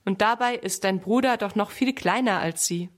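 A woman voicing a proud, hurried schoolgirl rider in a children's story. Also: mid-range voice, close to an everyday voice. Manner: proud, chatty.

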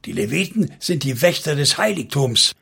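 A man voicing a zealous, hot-tempered male priest who shouts his words. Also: a little high, big pitch swings, moderate pace, creaky, breathy edge, full character voice. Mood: indignant. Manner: shouting, fervent.

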